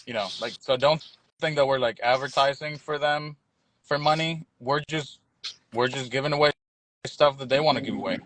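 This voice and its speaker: A man's voice: mid-range voice, normal speed, fairly bright tone, dry recording, poor audio. A man co-hosting a livestream, chatting casually and joking around, at times mimicking an auctioneer. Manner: jokey, hams it up like an auctioneer. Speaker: livestream co-host.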